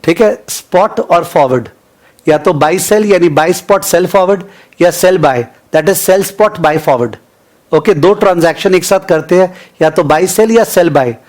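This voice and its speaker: Chatty high-voiced Indian finance teacher. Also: male voice, a little slow. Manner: chatty, mixes Hindi and English, frequent checks like "okay?". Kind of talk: online class lecture, casual asides.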